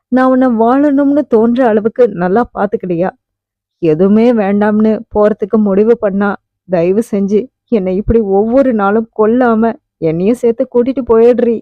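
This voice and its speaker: A woman's voice: on the high side, no echo, close to an everyday voice. A woman voicing an anguished young husband who pleads at a hospital bedside and turns fierce when angered, on a dull, dry recording. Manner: pleading then commanding. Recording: dull, muffled audiobook recording.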